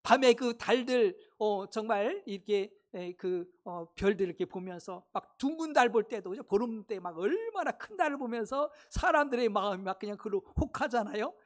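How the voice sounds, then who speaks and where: A man delivering a sermon in a church sanctuary. He talks to his congregation conversationally and keeps asking them rhetorical questions. His volume swings widely, from loud exclamations down to quiet, hushed asides. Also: high-pitched, animated, moderate pace, hardly any pauses. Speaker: pastor.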